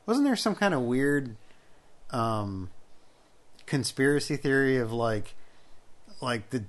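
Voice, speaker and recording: A man's voice: mid-range voice, lively intonation, slow pace. A man co-hosting a podcast, joking crudely and giggling in casual banter. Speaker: podcast co-host.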